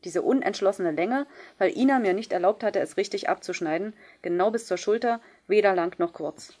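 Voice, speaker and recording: A woman reading a first-person novel aloud in a measured, subdued way. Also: mid-range voice, darkish tone. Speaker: audiobook reader. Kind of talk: scripted first-person narration.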